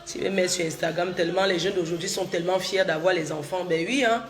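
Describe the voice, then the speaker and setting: This middle-aged social media streamer from Cameroon talks fast in a voice on the low side, with soft music in the background. Though she has a cold, she chats casually, repeating points and responding directly to viewers' comments.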